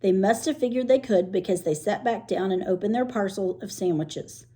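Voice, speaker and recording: A woman reading a novel aloud, breaking off for relaxed, chatty asides. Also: medium pitch, normal speed. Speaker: reader and co-host.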